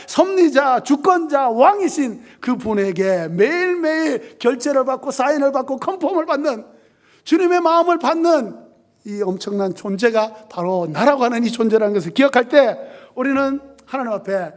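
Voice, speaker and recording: A male pastor preaching a sermon with emphasis, asking the congregation rhetorical questions and building up lists. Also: very high-pitched.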